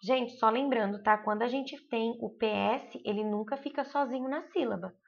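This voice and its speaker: A Brazilian woman teaching an online grammar lesson, her fairly high voice carrying a gravelly edge. She draws out each example word and keeps checking in with her class. The recording is dull and lo-fi. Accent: Brazilian Portuguese. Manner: slow, drawn-out example words with frequent checks like "tá bom?". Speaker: primary school teacher.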